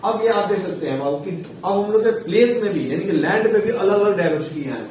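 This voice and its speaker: A man teaching a civics lesson, talking in a casual and friendly manner and often checking that his students follow. His voice is a little higher than usual and sits far from the mic in a very echoey space. Faint noise stays behind him. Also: lively intonation, fast, darkish tone. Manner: casual, repeats "theek hai" and calls students "babu".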